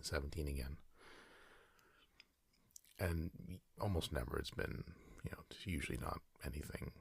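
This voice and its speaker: A man in his thirties rambles softly and hesitantly in a drowsy, sleepy ASMR bedtime style, breathy and now and then slipping toward a whisper. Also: very deep voice, no room sound. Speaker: sleep podcast host.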